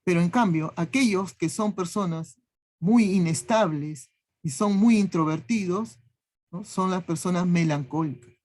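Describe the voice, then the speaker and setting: A man's voice: high voice, a little slow, a little mellow. A man teaching a class, listing ideas one word at a time and checking in with a questioning "¿no?" after nearly every phrase. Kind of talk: classroom lecture.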